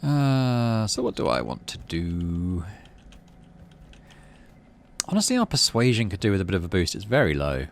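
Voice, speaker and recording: A low-pitched male voice with huge pitch swings carries this gaming host's playthrough, as he reads the story aloud and muses over his options. He speaks at a moderate pace and pauses often. Game music plays, with slight background noise.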